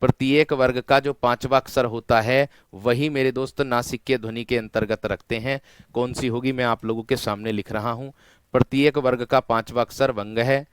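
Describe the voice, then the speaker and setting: A man's voice: medium pitch, steady tone, clear, resonant tone, dry recording. A man teaching an online exam-prep class, repeating and drawing out key words and often calling his students friends. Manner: repetitive, drawn-out stressing of key words.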